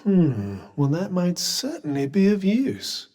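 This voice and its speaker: A man's voice: sits high, huge pitch swings, slow, warm tone, exaggerated voice. A British man playing a sardonic, erudite sentient magical cuff in a video game, speaking formally with dry condescension. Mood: wry, observant. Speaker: video game companion character. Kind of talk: scripted video game dialogue. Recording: long echoing reverb.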